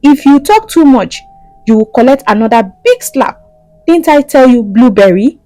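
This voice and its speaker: A fierce young wife with a hot temper, as a woman narrator puts her on, scolding loudly and mocking whoever she's aiming at. Her pitch leaps around as she jeers. The sound is close and dry with no room behind it. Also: animated, fairly quick, no room sound. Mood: furious scolding.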